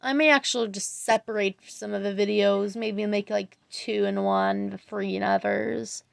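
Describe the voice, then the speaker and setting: A woman's voice: mid-range voice, steady tone, normal speed, vocal fry, no echo, clean studio sound. A woman talking casually over her drawing video, rambling and hesitant, full of fillers and self-corrections. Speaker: art channel creator, student.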